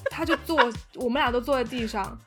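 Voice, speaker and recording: A young woman telling a story in casual chat, animated and full of fillers and restarts. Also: on the high side, fairly quick, faint music behind. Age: young adult. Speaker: podcast guest storyteller.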